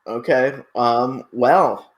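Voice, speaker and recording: A man's voice: medium pitch, very slow. Hesitant man hosting an online debate. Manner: hesitant, hedging explainer. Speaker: show host. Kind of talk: casual online debate chat.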